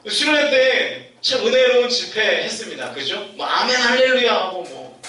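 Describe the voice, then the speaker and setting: A man gives a youth sermon in a big church hall, heard from a distance, so the sound rings around him. His voice is bright and higher than most, and his pitch swings widely as he tells stories and puts on quoted voices. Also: very animated, normal speed. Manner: chatty storytelling, acts out quoted voices. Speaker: youth pastor. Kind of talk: sermon to young adults. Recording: echoey church hall, distant mic, faint noise.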